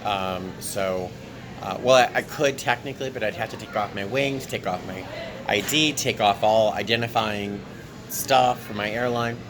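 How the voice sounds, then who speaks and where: A man's voice: lowish voice, moderate pace. A tired man chatting casually to his handheld camera as a flight attendant vlogger, recorded in an airport terminal. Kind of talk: casual vlog chat to camera. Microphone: handheld camera at arm's length. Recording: clear airport background noise.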